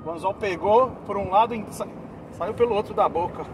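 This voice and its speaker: São guy hosting a fishing vlog on a boat, highish voice, loud wind on the mic. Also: brisk. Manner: chatty, excited, laughs often. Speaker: fishing vlogger host. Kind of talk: casual on-camera fishing chat. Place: outdoors on a boat at sea.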